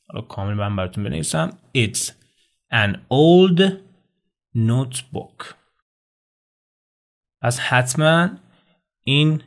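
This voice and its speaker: A man giving a video English lesson in Persian, explaining phrases and saying English examples slowly and clearly. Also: medium pitch, a bit bright. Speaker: English teacher.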